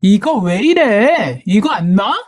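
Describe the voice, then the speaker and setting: A woman voicing a hot-tempered young woman who yells and accuses. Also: a little high, lively intonation, moderate pace, pitched above the performer's own voice, lightly acted. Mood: furious. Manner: yelling, accusing.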